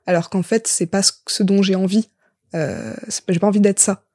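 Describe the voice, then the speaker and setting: A young woman, a musician guest on a podcast, talking in a relaxed, reflective way with many fillers and restarts. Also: medium pitch, normal speed, dry recording, studio quality. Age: young adult. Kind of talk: casual chat.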